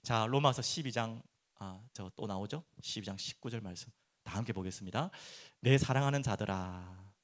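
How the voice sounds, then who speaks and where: A middle-aged man preaching a sermon as pastor, turning expressive when he acts out prayers and dropping soft and low for earnest points. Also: a little fast. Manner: animated, acts out prayers and complaints in raised voice.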